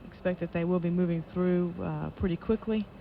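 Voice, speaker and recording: A woman giving live launch control commentary as an official announcer, in a measured, matter-of-fact way. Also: on the low side, creaky. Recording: dull lo-fi broadcast audio with noise.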